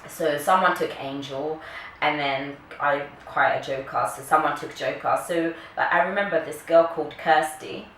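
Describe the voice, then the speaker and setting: Echoey woman vlogger, bright voice. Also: low voice, moderate pace. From Kenya, later the UK. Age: early 30s. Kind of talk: casual chat to camera. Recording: echoey room, distant mic, faint noise.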